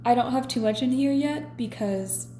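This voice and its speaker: A woman in her twenties, chatting casually as a vlogger and reading her own diary entries aloud in a relaxed, confessional way. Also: a little high, moderate pace, roomy sound, slight background noise. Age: 20s. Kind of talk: casual chat.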